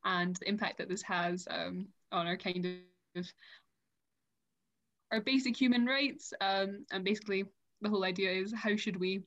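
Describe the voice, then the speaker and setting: A woman's voice: on the low side, fairly bright tone. A young woman of eighteen from Scotland, a committee chair explaining her topic articulately with frequent ums. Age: teens. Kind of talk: casual interview answers.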